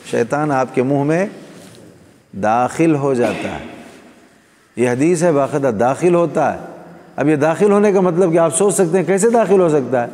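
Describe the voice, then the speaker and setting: A man's voice: fairly high pitch, a little mellow. A man preaching a sermon to a live gathering, asking rhetorical questions and speaking directly to the audience. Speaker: Islamic preacher. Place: gathering hall. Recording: long hall reverb.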